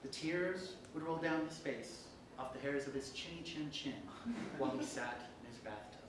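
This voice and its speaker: Someone performs comic fairytales live, narrating from a script with theatrical energy and frequent laughter and asides. Their mid-range voice keeps a moderate pace, while the distant mic catches room echo and background noise from the audience space.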